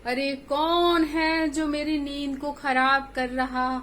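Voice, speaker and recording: A cunning male bear voiced by a woman pours on sugary charm, his words slow and drawn out. The voice sits high, over a faint hiss in the recording. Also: little pitch movement, fairly bright tone. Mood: fake sweet. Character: sly wicked male bear, falsely sweet.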